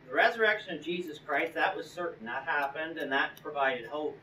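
Man commenting from the class, off-mic, roomy echo, bright voice, thinking aloud. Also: a little high, brisk, a little hiss or hum. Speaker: class member. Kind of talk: comment in a church class discussion. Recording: distant voice in a roomy hall.

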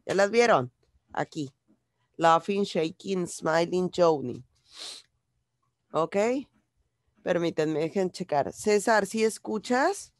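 A woman's voice: on the low side, animated, slow, pauses often, no echo, clean studio sound. A woman teaching English to young children in an online class, patiently repeating each phrase in Spanish. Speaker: primary school English teacher.

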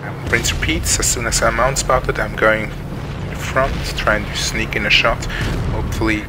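Tank game sounds run over this Swiss man's voice as he hosts his gaming channel, commenting casually with lots of ums, restarts, and hesitation. Fairly low-pitched with fairly even intonation, he speaks a little slowly against background noise.

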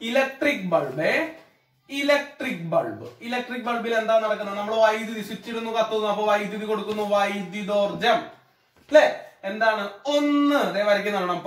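A man with a Malayalam accent teaches science to pupils in a classroom-style lesson, repeatedly posing a question and then answering it himself. His voice is high with a fairly bright tone. He stands far from the mic in an echoey room.

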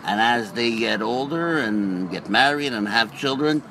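An older man sitting in a car, answering a street interview slowly and thoughtfully, repeating himself as he goes. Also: mid-range voice, animated, sharp tone, rough recording. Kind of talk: street vox pop answer. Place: seated in a car, street outside. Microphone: handheld phone held to car window. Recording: street traffic noise.

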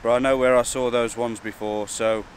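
A man, talking casually and a little hesitantly to camera as a wildlife vlogger, outdoors beside rushing water. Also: mid-range voice, flat delivery. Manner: informal, hesitant and chatty. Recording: outdoor wind, rushing water and traffic noise.

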